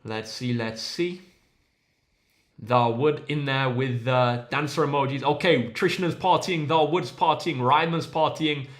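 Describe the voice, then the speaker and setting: A man's voice: medium pitch, measured pace, fairly bright tone. Upbeat man hosting a maths livestream. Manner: upbeat, hypes up viewers, reads chat names aloud. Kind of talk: casual livestream teaching.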